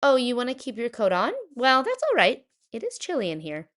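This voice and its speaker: A woman's voice: a little high, wildly swooping pitch, brisk, a bit bright, pitched above the performer's own voice. A woman putting on a chirpy old grandma. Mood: chatty, fussing. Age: older. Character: frail, cheerful 97-year-old grandmother.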